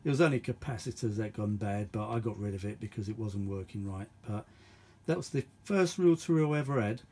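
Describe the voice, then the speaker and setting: An expressive middle-aged man with a lowish, darkish voice talks fairly quickly while hosting a vintage audio video. His hands-on chat is casual and unscripted. He rambles, thinks out loud, and often repeats himself.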